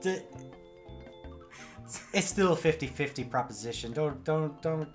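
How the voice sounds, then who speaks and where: A man co-hosting a casual comedy podcast, telling rambling deadpan tall tales with many fillers. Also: a little high, a little slow, faint music behind. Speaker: podcast co-host.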